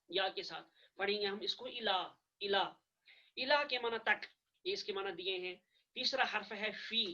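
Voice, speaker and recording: Guy teaching a class over a video call, slow and repetitive, sharp bright voice, muffled audio. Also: sits high. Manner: patient, repeats and spells out each point. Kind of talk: online classroom lecture. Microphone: video call microphone.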